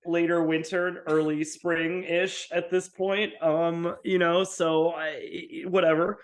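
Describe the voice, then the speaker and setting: A man's voice: a little high, flat delivery, slow pace. A man chatting as a podcast guest, a little stuffy from allergies, rambling through his points. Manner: rambling, many fillers and restarts. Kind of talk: casual podcast chat.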